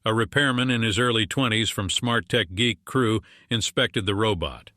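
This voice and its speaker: A man narrating a science fiction audiobook in a measured storytelling delivery, over music. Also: lowish voice, bright, forceful tone, dry recording. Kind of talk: scripted narration.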